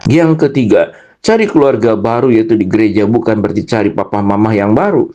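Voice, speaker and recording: A man's voice: lowish voice, animated, fairly quick. Earnest male preacher, lo-fi sound. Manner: earnest, gently encouraging, emphatic. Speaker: youth preacher. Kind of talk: devotional talk to children.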